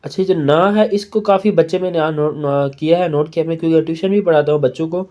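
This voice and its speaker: Man, Pakistani Urdu accent, Quran recitation teacher, slow drawn-out chanting, quick explanations, mellow fairly high voice, lo-fi sound. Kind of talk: spelling out and reciting Quranic syllables for children.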